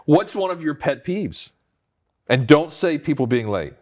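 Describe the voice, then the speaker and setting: A man hosting an interview, firing off quick lightning-round questions in a playful, teasing way. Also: fairly high pitch, sing-song, a little mellow. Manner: playful, teasing, laughs often. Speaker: interview host.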